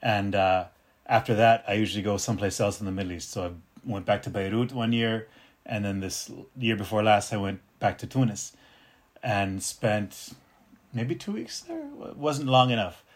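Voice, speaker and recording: A middle-aged man, born in Detroit and raised partly in North Africa, speaking in a reflective, unhurried way as a martial arts teacher in a casual interview. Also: fairly low pitch. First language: Arabic. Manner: reflective, unhurried, with frequent restarts. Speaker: capoeira teacher and martial artist.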